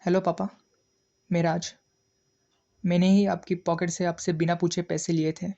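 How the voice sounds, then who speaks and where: A man's voice: high-pitched, level tone, normal speed, creaky, dark tone, muffled recording. A young man playing a teenage son who sheepishly apologizes to his father. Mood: apologetic. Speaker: son in a student skit. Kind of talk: amateur student drama acting.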